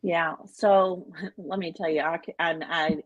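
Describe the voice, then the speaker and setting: A middle-aged woman health coach and author, chatting in an interview in an animated, self-deprecating way with many fillers. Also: on the low side, measured pace, no room sound, dull audio. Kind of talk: casual interview chat.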